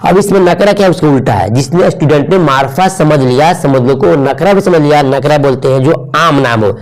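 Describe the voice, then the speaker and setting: A man's voice: fairly high pitch, a little fast, low-quality recording. A man teaching an exam-prep grammar lesson, asking questions and answering them himself in a drilling manner. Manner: urges students to like the video.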